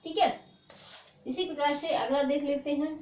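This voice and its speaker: A woman's voice: sits high, fairly even intonation, a little mellow, roomy sound. A woman teaching a board lesson on pronunciation, repeating herself and quizzing her listeners with questions. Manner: repetitive, quizzing questions, slow stressed examples. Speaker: English teacher.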